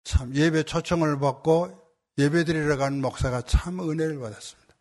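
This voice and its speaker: A man's voice: moderate pace, a little mellow. A man preaching as a pastor, telling a story and acting out the dialogue, his voice rising when he exhorts. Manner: rises in pitch and intensity when exhorting. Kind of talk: sermon.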